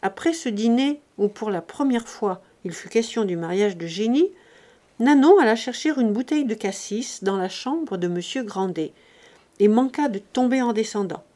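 A woman narrates a classic novel as an audiobook. Her reading is steady and measured. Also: medium pitch. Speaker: audiobook reader.

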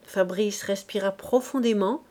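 This is an audiobook of a classic novel, voiced by a woman whose mid-range voice keeps a steady, measured storytelling pace.

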